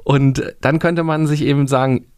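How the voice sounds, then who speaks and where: A man, a resilience coach, talking casually in a podcast studio and explaining ideas through everyday examples, stressing key words slowly. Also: medium pitch, steady tone, darkish tone, clean tone.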